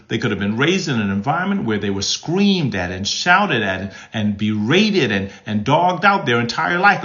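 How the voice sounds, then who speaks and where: A man with a mid-range voice, recorded muffled, is a pastor teaching relationship advice live to his viewers. He answers their comments and acts out tones of voice as examples, staying animated and checking in with "okay?"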